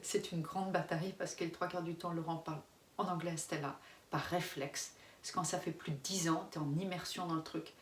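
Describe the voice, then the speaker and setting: A woman's voice: fairly low pitch, steady tone, fairly quick. A middle-aged woman from France chatting candidly as a vlogger, with casual fillers. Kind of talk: casual chat. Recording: echoey room, mic far off, faint hiss.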